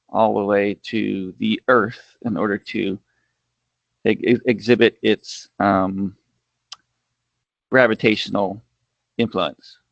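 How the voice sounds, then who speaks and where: A man with a fairly low, gravelly voice asks skeptical questions over a video call. The audio is dull and lo-fi. It is dry, with no room sound. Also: a bit bright, no echo. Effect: heard over a video call. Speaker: interviewer playing critic. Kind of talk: probing interview questions.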